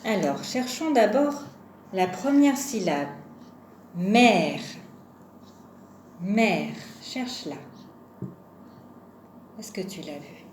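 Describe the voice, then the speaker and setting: Very animated yet slow, with long pauses, a kindergarten teacher's mid-range, slightly mellow voice guides young children through a home lesson. She patiently sounds out every syllable and number. The room is echoey, with faint background noise.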